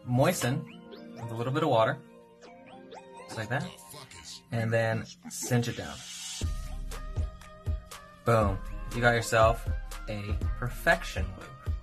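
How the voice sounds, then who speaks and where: An upbeat man in his thirties walks through fishing knots step by step with a brisk, friendly tone. His voice sits in an ordinary middle pitch, close to a phone mic indoors. Light music plays faintly behind him. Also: fairly even intonation, fairly bright tone. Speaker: fishing knot instructor. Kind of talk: step-by-step tutorial. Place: indoors at a kitchen sink.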